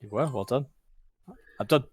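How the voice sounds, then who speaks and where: A man's voice: mid-range voice, normal speed. A man, joking and swearing as he walks his friends through the rules of a board game over a voice call. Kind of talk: casual gaming chat over voice call.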